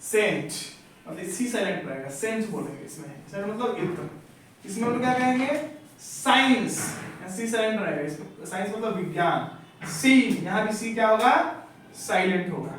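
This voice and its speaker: A man's voice: high-pitched, animated, moderate pace, a bit bright, slight background noise. A male teacher giving a classroom lecture, asking questions and having the class repeat the answers. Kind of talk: classroom lecture drilling vocabulary. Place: echoey classroom. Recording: echoey room, far from the mic.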